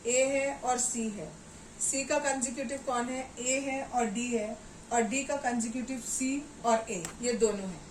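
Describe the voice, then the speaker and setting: A woman's voice: on the high side, steady tone, measured pace, far from the mic. A woman maths teacher explains a lesson step by step, mixing English terms into her explanations and checking often that her students follow. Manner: patient, explains step by step, often asks "ठीक है" to check understanding. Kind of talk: classroom maths lesson at a board. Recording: roomy echo, voice away from the mic, faint background noise.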